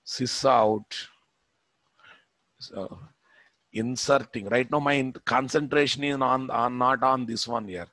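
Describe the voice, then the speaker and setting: A man's voice: mid-range voice, fairly even intonation, takes it slowly, long pauses, bright, forceful tone, no room sound, low-quality recording. A man with a Telugu Indian accent teaching a live coding class as instructor, repeating phrases and putting rhetorical questions to his students. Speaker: programming instructor.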